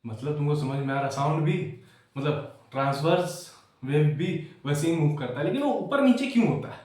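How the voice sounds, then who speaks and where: A man's voice: fairly high pitch, animated, normal speed, darkish tone. A man tutoring physics in a chatty, casual way, checking that students follow and wandering into jokes. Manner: digresses with jokes. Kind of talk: casual classroom lecture. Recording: echoey room, far from the mic.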